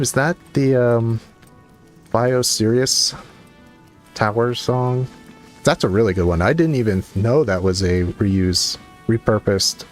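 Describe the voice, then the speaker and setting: A man's voice: fairly low pitch, darkish tone. A man streaming a game, musing aloud in casual commentary with frequent restarts.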